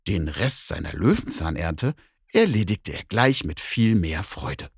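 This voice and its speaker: Lively man reading a children's story. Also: sits low, unhurried, husky, dry recording, clean studio sound. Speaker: podcast host and children's author. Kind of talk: podcast chat and reading a children's story aloud.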